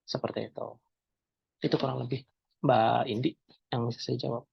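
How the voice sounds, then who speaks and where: Gravelly man teaching grammar online. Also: medium pitch, little pitch movement, normal speed, no echo, dull audio. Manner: explains step by step, asks and answers his own questions. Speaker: Islamic teacher. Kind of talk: online Arabic grammar class.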